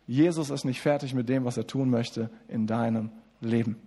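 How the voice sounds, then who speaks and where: A man preaching a sermon in German. He speaks straight to the listeners, stumbles and restarts often, and switches between quick asides and slow, stressed lines. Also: medium pitch, steady tone, dark tone, slightly rough. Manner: addresses listeners directly as du, with many restarts and fillers.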